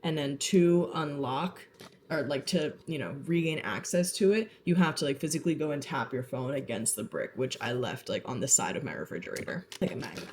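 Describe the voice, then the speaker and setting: A young woman talks to her viewers in a loose, sassy vlog chat, full of "like" and quick asides. She sounds a little out of breath. Faint background noise sits under her voice. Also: low voice, expressive, a little mellow. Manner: chatty, sassy, lots of "like" fillers. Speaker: vlogger. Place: townhouse, indoors.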